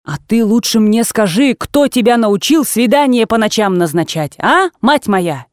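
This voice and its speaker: A woman voicing an agitated, blunt old aunt in an audiobook, with sharp exclamations that jump from low mutters to high cries. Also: animated, a little slow, no echo, clean studio sound. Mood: scolding. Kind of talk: audiobook character reading.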